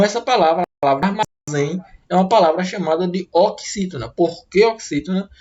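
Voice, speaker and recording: Um professor dando uma aula de gramática, falando devagar, repetindo as explicações e alongando as palavras de exemplo. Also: male voice, sits high, a little mellow, dull audio. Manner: slow, repetitive, stretches out example words. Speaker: teacher. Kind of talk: grammar lesson.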